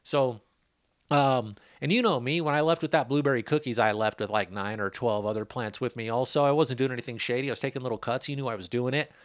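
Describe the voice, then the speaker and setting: A man's voice: mid-range voice, fairly even intonation, fast, no room sound. Laid-back middle-aged man hosting a podcast, chatty and rambling, on a dry close mic. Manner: rambling, loose, joking asides. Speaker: podcast host, cannabis grower. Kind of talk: casual rambling chat.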